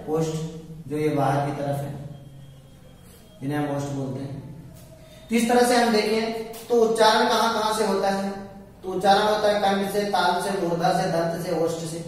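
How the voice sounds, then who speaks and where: A man teaching an exam-prep grammar lesson, asking questions and answering them himself. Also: sits high. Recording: echoey room, voice from far off.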